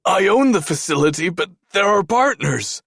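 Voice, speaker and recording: A greedy, cowardly doctor who sneers down at everyone, as a man puts him on in an audiobook. His voice is raised above the narrator's, husky and dry. Condescending in every word. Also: low-pitched, a little slow, dry recording, voice pushed up, exaggerated voice. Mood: panicked.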